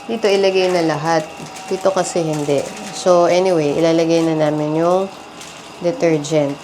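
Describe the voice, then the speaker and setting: A woman with a low-pitched, steady voice speaks at normal speed while vlogging a family trip. She casually narrates to camera and talks to her viewers, often saying "guys," as she shows a hotel laundry room and a convenience store on noisy handheld audio.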